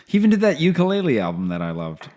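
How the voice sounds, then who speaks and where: A man's voice: huge pitch swings, fast talker, warm tone. A Canadian man co-hosting a casual podcast, reading out notes and comments in a playful, jokey way. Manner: playful, jokey, bursts into high silly voices. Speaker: podcast co-host.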